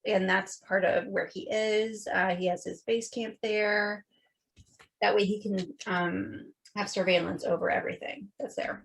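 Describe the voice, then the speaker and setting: A woman's voice: mid-range voice, fairly even intonation, unhurried, vocal fry. A woman co-hosting a podcast, telling a true-crime case in casual chat and swearing freely. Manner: chatty, swearing, quotes people in voices. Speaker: podcast co-host.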